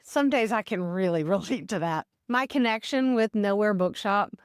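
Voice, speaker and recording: Talking directly to viewers, this travel vlog host is chatty and upbeat, with some scripted voice-over mixed in. She has a medium-pitched, clear, resonant voice at normal speed, recorded dry with clean studio sound.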